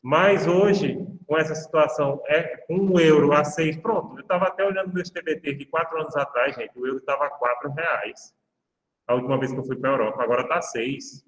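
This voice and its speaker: A man's voice: a little high, moderate pace. A man with a Brazilian Portuguese accent, a law professor giving a university lecture and speaking straight to his students in a chatty way. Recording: reverberant room, voice far from the mic.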